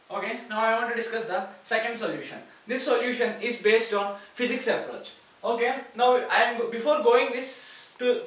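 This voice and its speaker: Teaching maths at the board, this Indian English-accented man speaks at an extremely high pitch with a fairly bright tone. He repeats key words as he works through each step, and the recording sounds distant and echoey.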